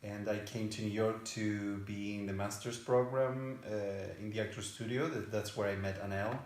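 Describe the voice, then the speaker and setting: A man's voice: on the low side, steady tone, moderate pace. A man from Chile, an actor, speaking earnestly and restarting phrases in a documentary interview. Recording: roomy with loud guitar music. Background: guitar music.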